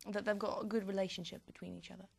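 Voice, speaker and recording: Young woman, doing a speaking test, casual and fluent, a bit gravelly. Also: medium pitch, level tone, very fast, darkish tone. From Latvia. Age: young adult. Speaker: exam candidate. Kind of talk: speaking exam answers.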